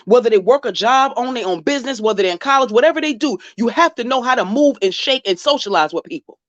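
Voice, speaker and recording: A woman's voice: on the high side, lively intonation, fast, a bit bright, no room sound, muffled recording. A woman vlogger giving blunt, profane, scolding commentary, talking straight to the person she is criticizing. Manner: blunt, scolding, profane, addresses the subject directly. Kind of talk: casual reaction commentary.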